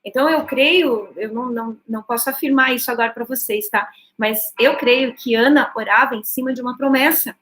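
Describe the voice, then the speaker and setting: A woman's voice: a little high, a little fast, few pauses, fairly bright tone, slight background noise, poor audio. A woman pastor, preaching a sermon in an emphatic, conversational way full of rhetorical questions.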